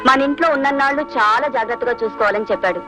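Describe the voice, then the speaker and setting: A blind young sister, played by a woman, speaks softly and affectionately. Her voice is high and quick. Loud film music plays behind her. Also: natural voice, poor audio. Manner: soft, affectionate, trusting. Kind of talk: Telugu film acting.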